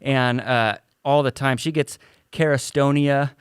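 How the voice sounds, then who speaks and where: A man co-hosting a church podcast in casual, animated chat, laughing often. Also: medium pitch, unhurried, smooth, no echo, studio quality. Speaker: podcast co-host.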